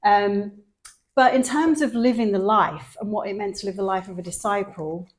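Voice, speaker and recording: A woman's voice: medium pitch, normal speed. A middle-aged woman from England with a mixed London and Sheffield accent, telling her story as a podcast host in casual chat. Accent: mixed London and Sheffield English. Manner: chatty storyteller, lively quoted voices.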